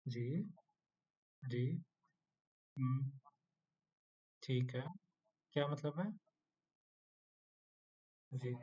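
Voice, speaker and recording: A man's voice: mid-range voice, flat delivery, extremely slow, pauses often, warm tone, husky, muffled recording. A man teaching an online Quranic Arabic class, quizzing students with short prompts and playfully scolding them to do their homework.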